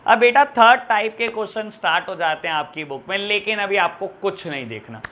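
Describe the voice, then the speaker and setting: A man teaching an online accounts class, talking to his students in a fatherly way and repeating key terms as his voice swings between loud and soft. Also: high-pitched, expressive, a little fast, slight background noise. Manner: fatherly, calls students beta and pyare bachhon.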